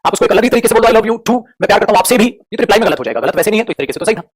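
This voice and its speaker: Male grammar teacher, quick patter, husky tone, fond coaxing classroom style. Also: sits high, expressive. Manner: affectionate, coaxing, addresses students as children. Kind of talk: online classroom lesson.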